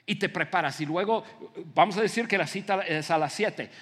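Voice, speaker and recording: A man preaching a sermon in an auditorium, animated and acting out little scenes, often repeating words as he stumbles. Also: sits high, brisk, husky. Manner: animated, acts out scenes, frequent stammered repeats. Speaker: pastor. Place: large auditorium. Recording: reverberant hall.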